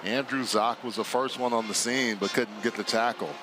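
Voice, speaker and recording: A man's voice: medium pitch, steady tone, moderate pace, background noise. A man working as a football color commentator, chatty and laughing easily as he breaks down plays. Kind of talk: live sports analysis.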